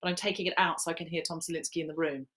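A woman hosting a live Q&A over a video call, chatty and joking with quick asides. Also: low-pitched, fairly even intonation, a bit bright. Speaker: podcast host.

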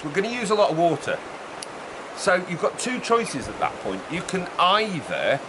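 Middle aged bloke vlogging outside, chatty, talking up over clear rushing water noise. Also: male voice, a little high. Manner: chatty, raised voice projected over background noise. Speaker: vlogger presenting a build project. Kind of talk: casual explanatory vlog to camera. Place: outdoors beside a fast-flowing river. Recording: outdoor recording with rushing river noise.

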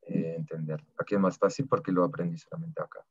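A young native French speaker from southern France, a Spanish learner, gives hesitant answers in a video call interview, frequently stopping to search for words. His low voice is steady, darkish and slightly rough, with no room sound. He's in a small room at home using a laptop webcam, and the audio is dull and lo-fi.

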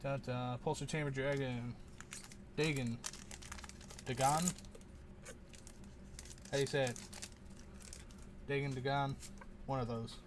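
A man's voice: mid-range voice, level tone, normal speed, long pauses, a little hiss or hum. A man hosting a casual unboxing video, rambling and muttering to himself, often unsure how to say things. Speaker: channel host opening card packs.

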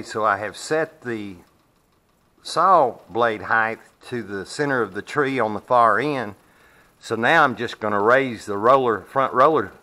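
A man's voice: medium pitch, sharp tone. A man demonstrating his sawmill in a metal shed, explaining in a plainspoken, folksy way, sometimes walking away from the camera. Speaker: sawmill owner. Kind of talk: hands-on demonstration.

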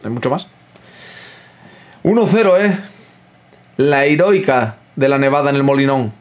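Man, gaming commentary, excitable, swears a lot, mid pitch. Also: normal speed. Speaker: gaming streamer. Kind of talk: live gameplay commentary.

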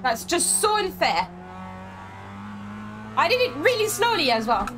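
A woman streaming a racing game, chatting casually with viewers in an excitable way. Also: extremely high pitch, measured pace, noisy background. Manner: chatty, excitable, frequent laughs and restarts. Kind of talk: casual live-stream chat while racing.

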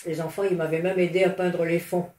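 A woman's voice: on the low side, little pitch movement, brisk, dark tone. An older woman, an artist, recalling past work in a chatty, hesitant way with many restarts. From France. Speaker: artist interviewed. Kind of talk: casual recollection. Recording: echoey room, faint noise.

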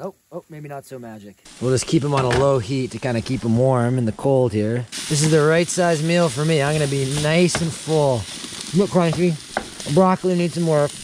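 This medium-pitched young man talks at a normal speed while casually vlogging his outdoor cooking next to a pickup truck in a snowy lot. He chats upbeatly with his viewers and laughs often. The camera mic, used handheld and head-mounted, captures noisy outdoor sound.

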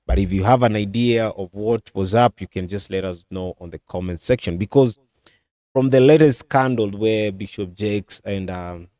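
Talking at a moderate pace in a lowish, dark voice, a commentary channel host in his thirties chats casually, full of fillers and restarts. The recording is dry, made on a desk mic on a stand in a compact indoor studio with a curtain behind him.

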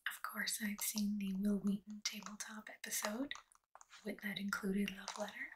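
A woman doing a soft-spoken ASMR unboxing at home, mostly whispering in a chatty, relaxed way. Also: mid-range voice, normal speed, far from the mic, background noise. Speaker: ASMR creator.

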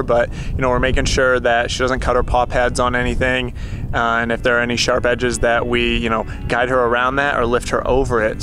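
Young guy talking to his camera on a hike, easygoing and chatty, bit worn out, faint noise outside. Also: mid-range voice. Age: young adult. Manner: easygoing, chatty, laughs between phrases. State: tired after a hike. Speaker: travel vlogger. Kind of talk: casual vlog talk to camera. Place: outdoors, desert trail and trailhead parking lot. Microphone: handheld camera at arm's length.

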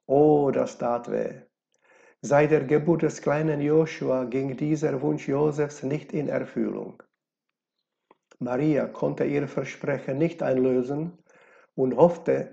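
A man reading a novel aloud as scripted narration, measured and unhurried. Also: fairly high pitch, vocal fry, mellow. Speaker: audiobook reader. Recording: dull lo-fi recording.

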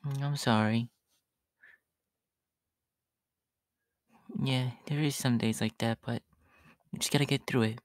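A man voicing a shy, gentle young catboy in a soft, hesitant ASMR role-play for an audio story. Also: medium pitch, fairly even intonation, normal speed, no echo, clean studio sound, close to an everyday voice. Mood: shy, caring. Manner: hesitant, bashful, soft-spoken with nervous giggles.

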